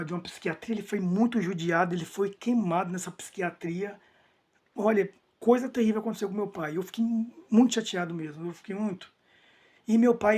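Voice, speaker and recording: A man with a husky, slightly breathy voice gives an emotional personal testimony. He speaks earnestly and repeats key phrases for emphasis. His sentences often break off and start again. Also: high voice, darkish tone. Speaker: church member giving a testimony.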